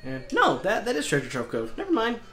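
Young man, co-host, relaxed, teasing, lively pitch, roomy sound. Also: fairly quick. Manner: laid-back, gives helpful tips, teasing. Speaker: co-host guiding the player. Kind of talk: casual gameplay chat. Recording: echoey room with faint game music. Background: faint game music.

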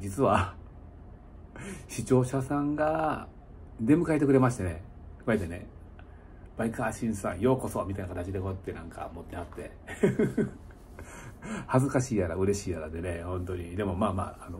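A low, darkish, slightly fast voice comes from a middle-aged Kansai-accented man who vlogs his motorcycle tours. An hour of drinking has left him slightly tipsy as he chats to viewers in a rambling, casual, streamer-like way with chuckles and asides, in a small indoor lodging room with noticeable background room noise.

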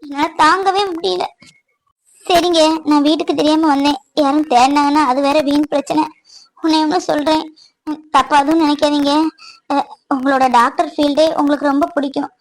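A woman's voice: sits high, fairly even intonation, moderate pace, long pauses, poor audio. A woman voicing a caring married young woman who earnestly reassures and advises a friend.

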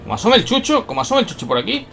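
A young man from Spain with a Spanish accent, commenting on his own gameplay and talking to himself, excitable and swearing often. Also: very high voice, very fast, creaky, soft background music. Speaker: gaming YouTuber.

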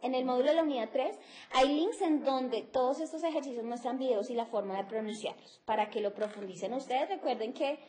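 High-voiced teacher explaining phonetics. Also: female voice, fairly quick, crowd noise. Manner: explains step by step, drawing out sounds and switching into English. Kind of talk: televised class lecture.

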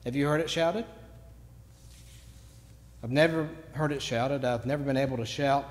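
A man preaching a sermon, telling stories and moving between quiet asides and sudden loud bursts. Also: medium pitch, normal speed. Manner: storytelling, swings from quiet to shouting. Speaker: pastor. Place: church sanctuary. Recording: long church reverb.

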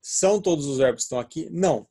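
A man's voice: on the high side, animated, racing, mellow, slightly rough, no room sound, clean studio sound. A man with a Brazilian Portuguese accent teaching an English grammar lesson, explaining and repeating verb forms aloud.

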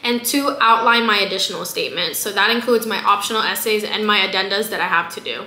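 Speaking quickly in a mid-range voice, a twentysomething vlogger chats to camera with bright, forceful, slang-heavy emphasis. She immigrated from the Philippines to South Florida, speaks English as a second language with an American accent, and records in a small, bare, echoey room with a little hiss or hum.

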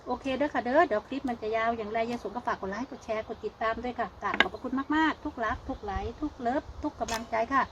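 A woman's voice: on the high side, quick pace, hardly any pauses, highs cut off, noisy background. Chatty older Isan-accented woman vlogger. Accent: Isan (northeastern Thai). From Thailand. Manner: chatty, folksy, homespun. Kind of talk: casual chat to viewers.

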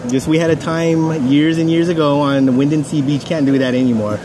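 A man chatting as a show co-host on an outdoor racetrack terrace. His speech is loose, joking and sprinkled with swearing. The camera picks him up over a clear wash of outdoor noise and passing traffic. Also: a little high, fairly even intonation, a little fast. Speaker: podcast co-host. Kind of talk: casual chat.

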